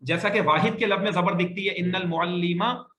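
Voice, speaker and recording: Male language teacher, high bright voice, patient corrector, echoey room. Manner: patient, repeats sentences slowly and corrects students. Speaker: Arabic teacher. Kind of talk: classroom grammar lecture. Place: classroom with online students.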